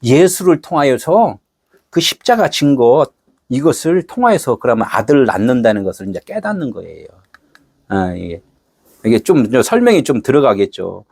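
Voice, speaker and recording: A man's voice: mid-range voice, big pitch swings, moderate pace, vocal fry, darkish tone, husky, no echo, clean studio sound. A middle-aged man preaching a sermon in a casual, conversational way, acting out short quoted exchanges. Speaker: pastor.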